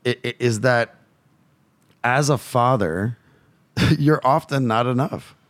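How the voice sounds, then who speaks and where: A man's voice: medium pitch, slow, no echo. A man from Louisiana, a podcast guest who coaches fathers, telling a personal story bluntly and swearing freely. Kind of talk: candid storytelling.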